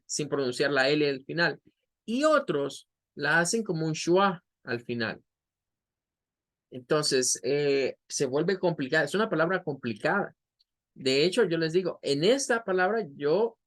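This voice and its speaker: A man with a Latin American Spanish accent, teaching an English class and slowly repeating words to model their pronunciation. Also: fairly high pitch. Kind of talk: online class explanation.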